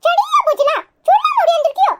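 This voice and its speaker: A woman's voice: very high-pitched, big pitch swings, fast talker, fairly bright tone, pitched above the performer's own voice, exaggerated voice. A woman voicing an amused, chiding village mother with a Kanyakumari Tamil accent in a cartoon. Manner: chiding, laughing.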